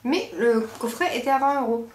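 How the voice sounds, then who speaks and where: Speaking a little fast in a higher register, a Belgian French-accented beauty vlogger chats informally about her shopping haul, often correcting herself. Faint noise sits in the background of the echoey room.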